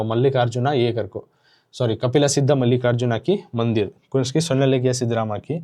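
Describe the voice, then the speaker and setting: A man's voice: mid-range voice, darkish tone. A male teacher explaining a poem line by line, repeating phrases and slipping into English.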